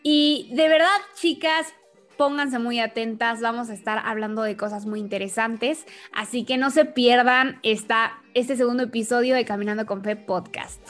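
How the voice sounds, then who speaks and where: Woman, podcast host, chatty, upbeat, high-ish voice, soft background music. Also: fairly even intonation, normal speed. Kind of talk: faith podcast interview.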